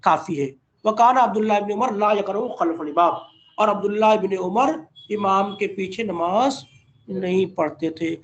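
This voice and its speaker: Over an online call, a man with a strikingly high voice teaches a religious lesson on a classical hadith text, reciting long Arabic narrator chains and then explaining them plainly in Urdu. He often pauses to ask listeners what a point means before answering himself, and the audio's highs are cut off.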